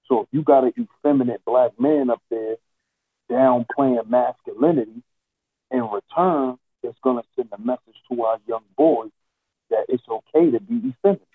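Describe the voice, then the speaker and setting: This man, mid-range in voice and moderate in pace, hammers home a lecture with repeated rhetorical questions in an online audio chat room. His headset line is tinny, dry and free of echo, yet so muffled and dull it seems to come through a wall.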